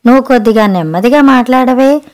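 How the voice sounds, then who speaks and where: A woman's voice: on the high side, fast talker, a little mellow, lightly acted. A woman voicing a demanding middle-aged husband who keeps asking for special food in a storybook reading. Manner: demanding, grumbling.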